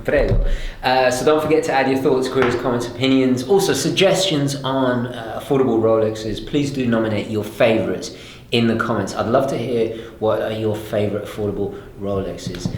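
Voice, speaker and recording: A man's voice: mid-range voice, steady tone, normal speed, echoey room, slight background noise, low-quality recording. Chatty man hosting a watch chat. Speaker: host. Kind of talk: casual chat.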